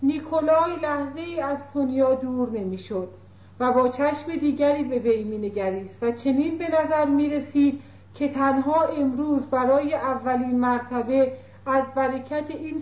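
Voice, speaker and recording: A woman reading a classic novel aloud as an audiobook narrator, in a measured literary manner. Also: sits high, darkish tone. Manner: measured literary reading, voices characters lightly. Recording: roomy lo-fi tape recording.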